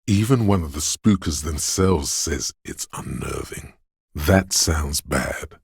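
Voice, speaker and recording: Extremely low and heavily rasping, this exaggerated, expressive male voice plays a paranoid inner voice of primal fear and aggression. It narrates a dark video game in the second person with slow, deliberate, ominous menace, as if everything were a threat. The recording is close and dry with no room sound.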